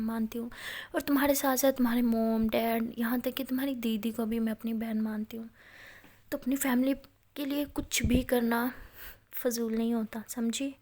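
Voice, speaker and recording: A woman voicing a caring older woman teacher who speaks softly and reassuringly. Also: on the high side. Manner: soft, reassuring, affectionate.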